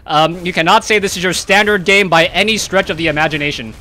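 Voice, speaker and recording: A man with a high, bright, sharp voice calls play-by-play for a strategy game. He narrates every unit move briskly, and his voice lifts with excitement when the fighting starts. It is a crisp, fast-reacting caster delivery. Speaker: esports caster. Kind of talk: play-by-play commentary.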